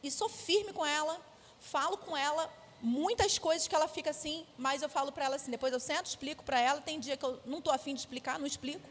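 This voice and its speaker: A woman's voice: high voice, fast talker, slight background noise. A woman with a Brazilian Portuguese accent, preaching a sermon in a firm, emphatic, conversational way. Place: church sanctuary. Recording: echoey church hall.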